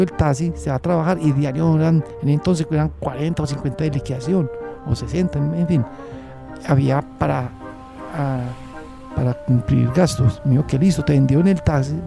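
A Colombian man telling his own story in a halting way, often restarting his sentences and acting out what people said. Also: fairly high pitch, vocal fry. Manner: halting, with restarts and acted quotes. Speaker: interviewee. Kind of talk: personal storytelling.

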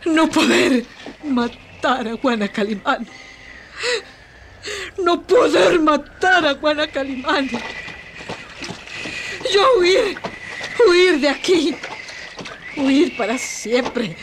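A woman's voice: high voice, animated, drawn-out words, long pauses, a little hiss or hum, exaggerated voice. An actress playing a fierce, lovelorn savage witch in a radio adventure serial, dramatic and speaking in broken pidgin with infinitive verbs. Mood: anguished.

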